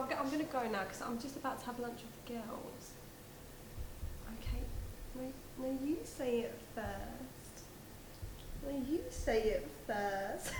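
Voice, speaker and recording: A woman playing a lovestruck young woman who giggles and gushes about her boyfriend. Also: on the high side. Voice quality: giggly, gushing. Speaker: sketch character. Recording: roomy echo, faint noise.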